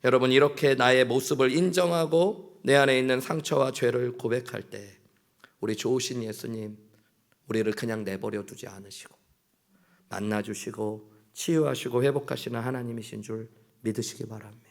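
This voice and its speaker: Man, pastor, church sermon, earnest preaching, mid-pitched voice. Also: steady tone, moderate pace, creaky. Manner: earnest preaching, acting out prayers and dialogue. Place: church sanctuary.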